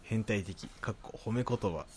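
A man with a Nagoya accent, a podcast co-host reading listener mail aloud in a calm, even voice and chatting casually. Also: lowish voice, moderate pace, slightly rough. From Nagoya, Japan.

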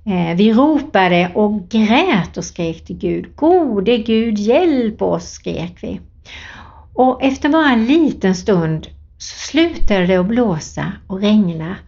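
A woman's voice: medium pitch, lively intonation, creaky, a little mellow. A woman giving an earnest devotional talk, reading Bible passages and telling a personal story in a plain way. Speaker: lay preacher. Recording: dull lo-fi recording.

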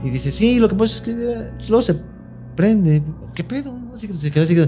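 A man's voice: sits high, a little fast, music in the background. A man with a Mexican accent telling a real ghost story on a casual podcast, full of slang and acting out each quote in a different voice. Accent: Mexican Spanish. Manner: slangy, acts out every quote in lively voices. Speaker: podcast host.

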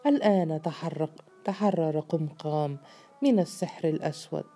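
A woman voicing a calm and kindly male genie spirit, reading him in an audiobook story. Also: deep voice, moderate pace, soft background music. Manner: calm and gentle.

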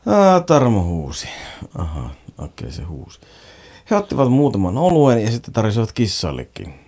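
A man's voice: lowish voice, sing-song, warm tone. A man co-hosting a podcast, reading a listener's story aloud in a playful way, swearing and ad-libbing. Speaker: podcast co-host.

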